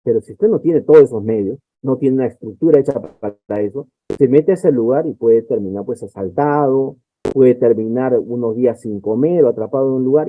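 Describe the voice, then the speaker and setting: A man giving a conference lecture on conflict management, explaining calmly and acting out example exchanges. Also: mid-range voice, dry recording. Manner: explanatory, acts out example dialogues. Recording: dry, phone-like narrow sound.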